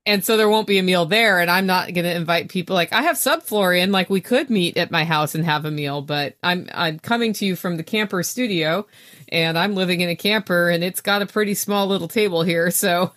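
Lower-voiced woman chatting from inside a small trailer. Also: brisk, fairly bright tone. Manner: informal, chatty, plain-spoken. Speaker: podcast guest, homesteader. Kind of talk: casual conversational interview. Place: inside a small camper trailer used as studio.

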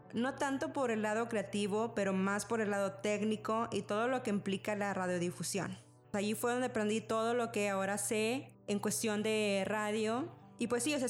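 A young woman from Mexico, raised in Texas, talking casually as a podcast host and using many fillers. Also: mid-range voice. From Mexico, raised in the Rio Grande Valley of Texas. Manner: chatty, many fillers like "o sea" and "pues". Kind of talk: casual personal monologue.

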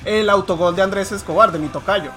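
Animated Colombian man chatting on a stream. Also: high voice, brisk. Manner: animated, swears casually, restarts often. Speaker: podcast host streaming live. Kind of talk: casual chat. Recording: faint background music.

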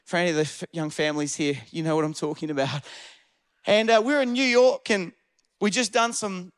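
A high-pitched young man delivers a lively sermon. He tells stories and often rises to shouted, fervent appeals. The sound is close and dry. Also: clean tone, dry recording. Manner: energetic preaching, rising to shouts, asks the crowd "Amen?". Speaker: guest pastor. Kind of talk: sermon with storytelling. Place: church auditorium.

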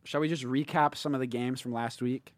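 A man's voice: medium pitch, fairly even intonation, brisk, no room sound. A man hosting a casual sports podcast, laid-back and analytical, trailing off with ums. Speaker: podcast host.

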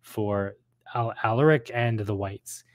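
Talking slowly in a fairly low voice, a host discusses an audio drama episode in a relaxed chat, pausing hesitantly to search for the right words. The recording has no room sound.

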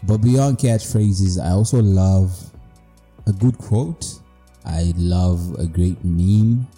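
A man's voice: sits low, slow pace, warm tone, faint music behind. A man from Zimbabwe, hosting a podcast in a reflective personal monologue, playful and self-mocking. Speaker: podcast host.

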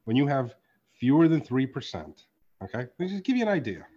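A man talking on a casual podcast, animated and quick to curse, jumping from loud bursts to mumbled asides. His voice is a little husky. The recording sounds slightly dull and lo-fi. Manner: animated, profane, swings from loud outbursts to low asides. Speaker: podcast host and card artist.

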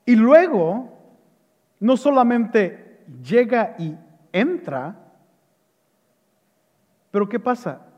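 A man preaching a sermon as a pastor, swinging between loud exclamations and hushed, low phrases. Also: expressive, extremely slow, long pauses, long reverb tail, muffled recording.

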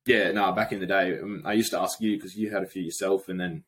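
Deep-voiced young Aussie bloke, broad accent. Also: male voice, steady tone, fast talker, slight background noise. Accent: broad Australian. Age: young adult. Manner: blokey, slangy, informal. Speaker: podcast guest. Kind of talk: casual chat.

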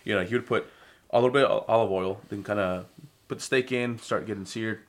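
A man's voice: lowish voice, brisk. A man chatting casually in an easygoing, agreeable way. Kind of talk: casual chat.

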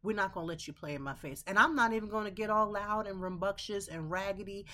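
A woman's voice: mid-range voice, quick pace, pushed and bright. A woman in her thirties hosting a podcast, speaking in an emphatic, preachy way with slang. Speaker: podcast host. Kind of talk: casual motivational monologue.

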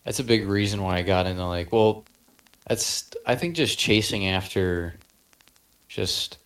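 A man's voice: fairly low pitch, unhurried, a bit bright. Rambling young man with cracking voice. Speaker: podcast co-host. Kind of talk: casual chat.

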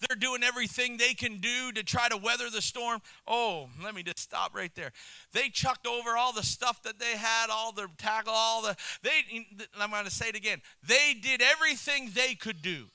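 A male missionary preacher delivering a sermon, telling the story with animation, chuckling between points and swinging into shouts. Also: extremely high pitch, moderate pace, clear, resonant tone, no room sound, low-quality recording.

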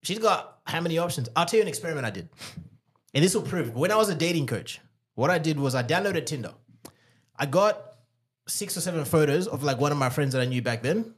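A man's voice: fairly high pitch, animated, fairly quick, slightly rough. An Australian man, a podcast co-host and former dating coach, making emphatic, repeated points and telling stories in casual chat.

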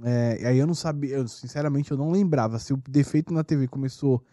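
A man's voice: medium pitch, fast, dark tone, no echo, clean studio sound. A man with a Brazilian Portuguese accent, a podcast host telling a personal story in casual chat, stringing events with "aí". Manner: anecdotal, storytelling with fillers like "aí" and "tal".

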